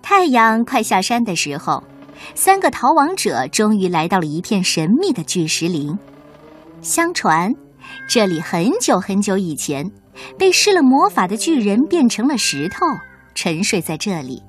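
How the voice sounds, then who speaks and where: A woman hosting and reading a children's bedtime story aloud, gentle and expressive. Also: mid-range voice, measured pace, soft background music.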